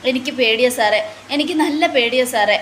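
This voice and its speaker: A woman's voice: high-pitched, normal speed, fairly bright tone, slight background noise. A woman voicing a frightened male shop worker and father of two who stammers and pleads anxiously. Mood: fearful pleading.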